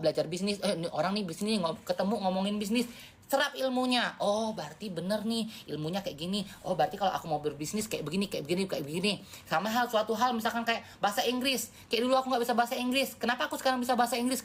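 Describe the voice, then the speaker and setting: A woman around forty chatting on a phone live stream, bluntly lecturing her viewers in casual slang. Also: mid-range voice. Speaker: livestreamer.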